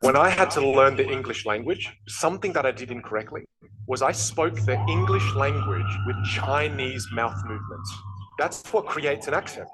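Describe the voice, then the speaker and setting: A man teaching how to improve spoken English, explaining in an energetic, emphatic way. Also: medium pitch, normal speed, background noise. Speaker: speaking coach. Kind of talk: motivational teaching talk.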